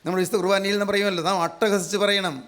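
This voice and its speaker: A man's voice: high-pitched, level tone, racing, fairly bright tone. A male preacher giving a fervent sermon, emphatic and repetitive, often asking his listeners questions. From Kerala, India. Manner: emphatic, repeats phrases, asks the audience questions.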